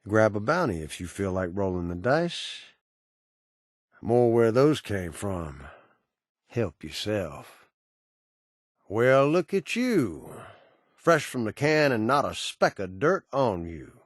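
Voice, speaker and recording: An actor playing a cynical, menacing ghoul bounty broker in a video game, with an American Southern accent and a sardonic drawl full of cowboy slang. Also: male voice, on the low side, big pitch swings, slow pace, pauses often, dry recording, studio quality, exaggerated voice. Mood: wry, sardonic. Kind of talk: video game character dialogue.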